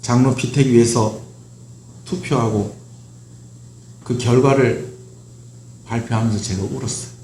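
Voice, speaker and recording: A man's voice: mid-range voice, steady tone, measured pace, long pauses, a little mellow, slight background noise. A middle-aged man preaching a sermon as pastor, asking the congregation questions and answering them himself. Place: church sanctuary. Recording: roomy church echo.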